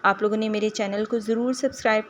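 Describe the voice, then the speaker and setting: A woman teaching a home-schooling phonics lesson, sounding out words slowly syllable by syllable and mixing Hindi-Urdu with English. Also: mid-range voice, fairly even intonation, slight background noise.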